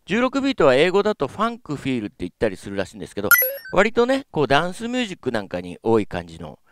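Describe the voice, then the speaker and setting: A man's voice: mid-range voice, huge pitch swings, rapid-fire, noisy background. A man teaching as a vocal coach, explaining politely with many filler sounds. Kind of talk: instructional lesson.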